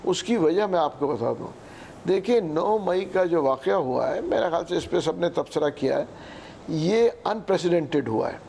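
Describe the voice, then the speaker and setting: A man in his sixties with a Pakistani Urdu accent, answering as a political guest in slow, halting sentences full of fillers, often clearing his throat. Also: a little high, lively intonation, warm tone, slight background noise. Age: 60s. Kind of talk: hesitant interview answers.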